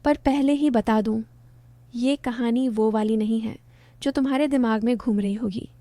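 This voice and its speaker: Mellow-voiced woman telling a story. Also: on the high side, moderate pace, no room sound. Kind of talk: first-person story narration.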